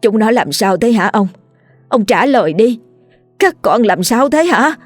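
A woman's voice: fairly high pitch, sing-song, measured pace, dry recording, faint music behind, voice pushed up. Give me a frantic sobbing elderly mother, as a woman narrator puts her on, with a dry close sound. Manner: sobbing, pleading. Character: panicked elderly mother begging for answers.

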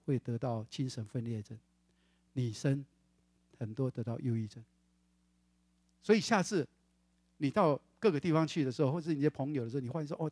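A male pastor, preaching a sermon in a church and lively acting out the quoted words of family members. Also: mid-range voice, no room sound. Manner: animated, acts out quoted voices of family members.

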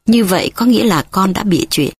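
A woman's voice: mid-range voice, animated, fast, breathy edge, dry recording. A woman reading the part of a worried young female tutor who presses a child with urgent questions, in an audiobook. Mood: pressing.

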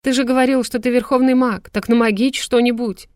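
A woman's voice: medium pitch, brisk, darkish tone, no room sound, clean studio sound, natural voice. A woman voicing an earnest young female paramedic in an audiobook, questioning and then frightened. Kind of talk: audiobook character voice.

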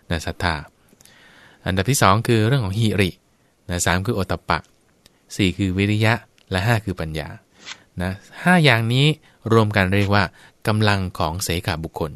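A man's voice: on the low side, dry recording. A man, a Buddhist monk, patiently explaining teachings in a radio Dharma talk. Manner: calm, patient explaining, acts out quoted people.

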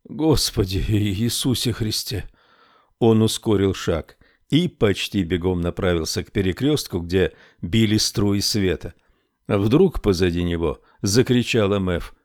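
Audiobook narration, man, low pitch, measured. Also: darkish tone, no echo, studio quality. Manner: measured storytelling. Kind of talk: scripted narration.

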